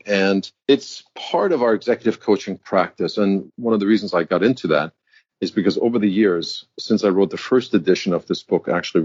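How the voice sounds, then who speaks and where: A German man in his fifties, a guest executive coach, tells his story in a reflective, articulate interview. His deep voice is a little mellow and slightly rough. The sound is dull and dry, with no echo.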